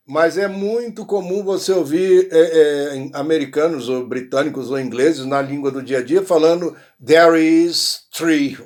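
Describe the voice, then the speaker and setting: A man with a Brazilian accent, teaching an English lesson and sounding out model phrases slowly, with frequent check-ins. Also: a little high. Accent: Brazilian Portuguese. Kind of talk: explanatory language lesson.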